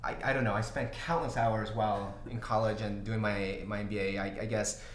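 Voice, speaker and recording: Hosting a casual livestream AMA, this middle-aged company CEO from Brazil, a first-language Portuguese speaker, talks in a lowish voice with a level tone. He stumbles through many fillers and restarts and laughs readily, in a small glass-walled office studio with roomy acoustics and slight background noise.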